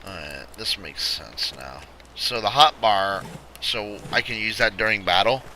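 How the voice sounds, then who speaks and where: A man's voice: on the low side, unhurried, pushed and bright, slight background noise, rough recording. A man chatting casually as a co-player in a game stream. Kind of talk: casual chat.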